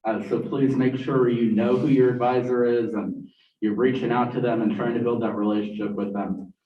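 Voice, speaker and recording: A man's voice: mid-range voice, little pitch movement, normal speed, a little hiss or hum. A young man gives his report to a student meeting in a loose, joking way, with a lot of "uh" in his talk. His voice carries from far off in an echoing room. The sound is dull. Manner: casual, joking, many "uh" fillers. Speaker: student government officer for academic affairs. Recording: muffled, echoey room, distant mic.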